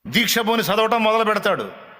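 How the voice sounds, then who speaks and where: A man's voice: high voice, very animated, brisk, pushed and bright, long reverb tail. A man preaching a sermon as a pastor, scolding and driving his points home with hammering repetition.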